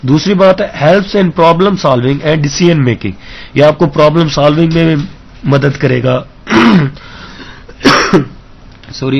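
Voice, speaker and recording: A man's voice: fairly high pitch, muffled recording, slight background noise. A male teacher giving an exam-prep lecture, explaining step by step, often asking if students follow and mixing English terms into his talk. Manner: keeps checking understanding with questions.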